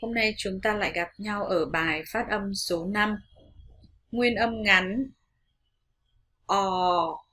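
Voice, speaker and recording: A woman with a Vietnamese accent teaching English pronunciation in an online lesson, politely addressing viewers and modelling words slowly and carefully. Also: mid-range voice, fairly bright tone.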